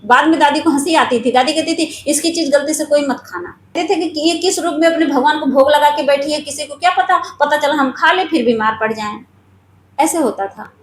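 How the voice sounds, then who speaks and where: A woman's voice: high-pitched, brisk, reverberant, a little hiss or hum. A woman telling her own spiritual story in an earnest, confiding way, speaking straight to her viewers.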